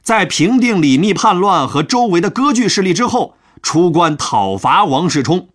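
A man's voice: high-pitched, sing-song, normal speed. A man telling a history lesson as a chatty, playful story. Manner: chatty, playful, with sentence-final particles.

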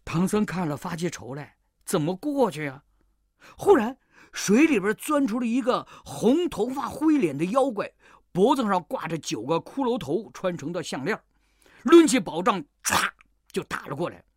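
Lively, expressive children's storyteller. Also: medium pitch, moderate pace, slightly rough, dry recording, studio quality. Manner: lively, expressive, sound effects.

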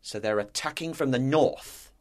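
A man's voice: medium pitch, moderate pace, voice pushed up, lightly acted. A man voicing a stern, resolute ship's captain in storybook dialogue, authoritative and giving clipped orders. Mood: urgent.

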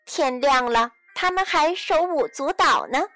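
A woman's voice: sits high, lively intonation, measured pace, sharp tone, dry recording, soft background music. A woman narrating a children's audio storybook, speaking directly to young listeners.

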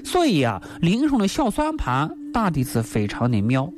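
A man's voice: a little high, wildly swooping pitch, moderate pace. A man co-hosting a radio show, telling and commenting on a classic story in colloquial language with rhetorical questions. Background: faint music.

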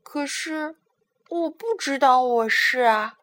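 A woman's voice: high voice, takes it slowly, a bit bright. A woman voicing a timid, furry little monster boy with fangs in a bedtime storybook, speaking shyly and hesitantly with stammers. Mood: surprised.

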